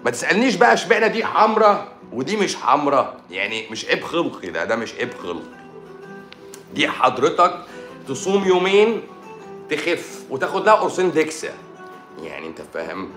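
Egyptian man, doctor on a live stream, sore throat, lively and sarcastic banter, echoey room. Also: on the high side, a little fast, soft background music. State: sore throat and swollen eye. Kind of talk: casual live-stream chat answering comments.

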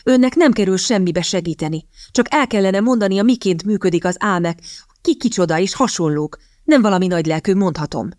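A woman reading the lines of a sharp-witted, impatient young woman in an audiobook, speaking in a pointed, indignant way. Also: mid-range voice, dry recording, studio quality, natural voice.

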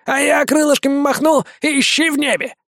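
Man doing storybook vampire bat: cowardly, greedy, high squeaky whine, dry close sound. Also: steady tone, fairly quick, fairly bright tone, no room sound. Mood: anxious whining. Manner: squeaky and fretful. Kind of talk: audiobook character voice.

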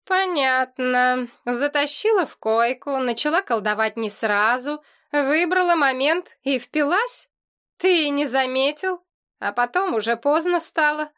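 A gruff middle-aged demon uncle loses patience with his nephew, scolding him in sharp, sarcastic bursts, as a woman reads him in an audiobook. The voice sits somewhat high, lifted well above the reader's own tone. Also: lively intonation, measured pace. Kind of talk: audiobook character reading.

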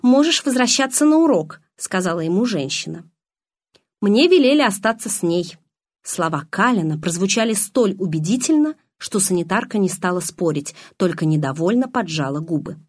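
A woman narrating a first-person novel as an audiobook, in an expressive, dramatic reading style. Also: on the low side, moderate pace, slightly rough.

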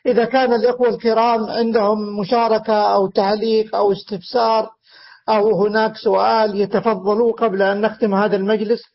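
Man in his own voice leading an online religious lesson, high and gravelly, slow and measured, dull lo-fi stream audio. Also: level tone. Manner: slow, measured, with frequent pauses. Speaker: sheikh teaching a book.

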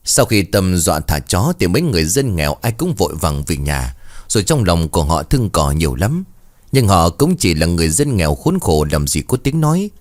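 A man's voice: sits low, big pitch swings, brisk. A man narrating a ghost story in a dramatic reading style, voicing every character himself.

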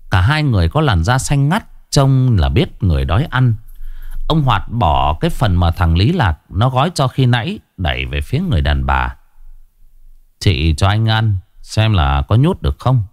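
A man narrating a ghost story in an expressive, dramatic reading. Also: lowish voice, dry recording, studio quality.

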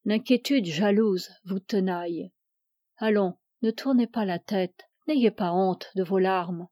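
A man's voice: sits high, takes it slowly, dark tone, dry recording. A woman reading the part of an aging ascetic priest who preaches with solemn fervor. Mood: grave. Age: older. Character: aging ascetic male priest, imperious and pleading.

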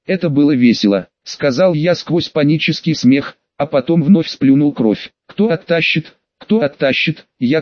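A man with a fairly high voice narrating an audiobook in a steady, measured way. The recording is dry and dull, with a lo-fi sound. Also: no room sound. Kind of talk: scripted first-person audiobook narration.

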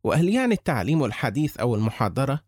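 A man voicing a shrewd, wealthy older businessman who speaks calmly and lectures in a measured way, in an audiobook. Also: medium pitch, no room sound, clean studio sound. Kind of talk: audiobook character reading.

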